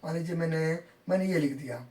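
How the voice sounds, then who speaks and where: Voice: medium pitch, a little fast, darkish tone, slight background noise. A maths teacher explaining a classroom lesson step by step. The teacher repeats each point and keeps checking that students follow, saying numbers in English. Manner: counts numbers out in English within Hindi talk. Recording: echoey room, voice from far off.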